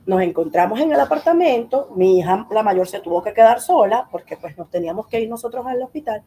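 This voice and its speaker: A middle-aged woman, a guest in an interview telling a personal story with lively acted-out dialogue. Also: mid-range voice, a little fast, slight background noise. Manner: animated, acts out quoted dialogue.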